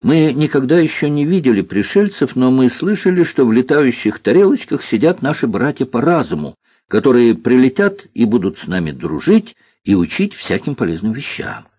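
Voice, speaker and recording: A man with a husky voice voicing an earnest, sad young boy pilot in an audiobook story. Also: medium pitch, very animated, moderate pace, no room sound, pitched above the performer's own voice. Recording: dull lo-fi dry recording.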